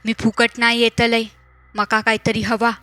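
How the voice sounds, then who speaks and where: A woman voicing a greedy, menacing spirit that has possessed a young wife, speaking slowly with a Malvani accent. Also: fairly high pitch, monotone, sharp tone, no echo. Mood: demanding.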